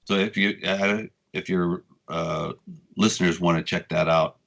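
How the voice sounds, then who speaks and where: Low-voiced older man telling rambling stories. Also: unhurried, gravelly. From United States. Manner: rambling, swears freely, animated when quoting people. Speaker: guest. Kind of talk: casual storytelling interview.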